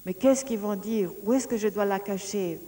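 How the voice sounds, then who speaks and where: A woman tells her own story as a personal testimony, bringing it to life and acting out the exchanges she recounts. Her voice is mellow and warm at a middle pitch. She often pauses to search for words and restarts her sentences. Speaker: speaker giving a personal testimony.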